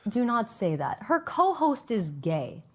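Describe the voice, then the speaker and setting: A woman's voice: a little high, big pitch swings, a little slow. Hesitant woman defending a friend. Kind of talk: streamed chat.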